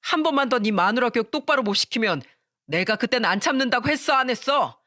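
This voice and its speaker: An angry husband scolding his younger brother in a raised, lively voice, as a woman narrator voices him. The recording is dry and close. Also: on the high side, a little fast, no room sound, voice pushed up. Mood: furious. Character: furious older brother, a married man shouting.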